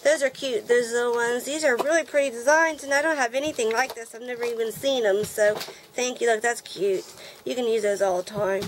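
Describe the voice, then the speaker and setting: A middle-aged woman who gushes with excitement and thanks the sender over and over as she unboxes swap gifts in a casual chat. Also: a little high, fairly quick, a little hiss or hum, rough recording. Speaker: nail art vlogger opening a swap package.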